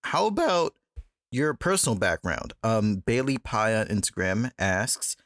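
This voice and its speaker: An Atlanta man hosts a podcast interview with an easygoing manner, full of fillers and quick to laugh. His lowish voice is fairly bright and swings widely in pitch, moving a little slowly. The studio sound is clean, with no echo.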